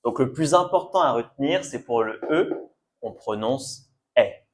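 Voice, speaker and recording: Male language teacher, patient and repetitive, unhurried delivery, mid-pitched voice. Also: expressive. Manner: patient, repeats and checks understanding. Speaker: French teacher. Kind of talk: language lesson video.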